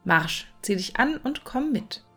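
A woman's voice: a little high, sing-song, slow pace, a bit bright, soft background music, voice pushed up, heavily acted. A woman voicing a cocky male hedgehog who curtly orders his wife around. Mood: bossy. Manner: curt, commanding.

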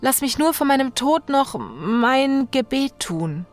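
A woman's voice: on the high side, expressive, moderate pace, creaky, a bit bright, soft background music, pitched above the performer's own voice. A woman voicing a frightened young wife in mortal danger who pleads and cries out in panic. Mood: pleading. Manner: flustered, pleading, crying out.

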